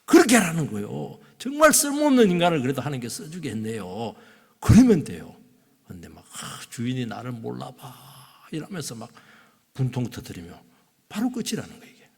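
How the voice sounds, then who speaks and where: Gravelly animated Korean pastor preaching. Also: male voice, on the high side, a little fast. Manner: animated preaching, swinging from loud exclamations to hushed asides. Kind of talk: sermon. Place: church sanctuary. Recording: long reverb of a church hall.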